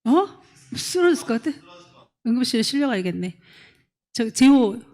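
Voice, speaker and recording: Animated woman preacher with lively pitch. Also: moderate pace. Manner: animated, acts out quotes, questions listeners by name. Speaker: pastor. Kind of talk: lively sermon to a young adult congregation.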